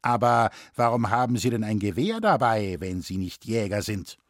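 A man's voice: fairly low pitch, expressive, moderate pace, dry recording, clean studio sound. A man voicing a naive, easily frightened city schoolmaster who speaks properly and stammers when shocked. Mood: anxious. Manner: fussy, stammering, proper speech.

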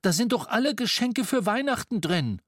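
For an audiobook, a man voices an eager, excited young boy, his voice raised and breathless and pitched above his own. He speaks at normal speed in a high voice, with studio-quality sound and no room sound.

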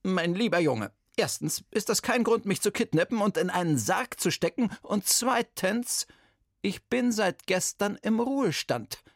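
Man playing a brisk old lady detective. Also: high voice, lively intonation, no room sound, studio quality, voice pushed up, full character voice. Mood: indignant. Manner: sharp, no-nonsense.

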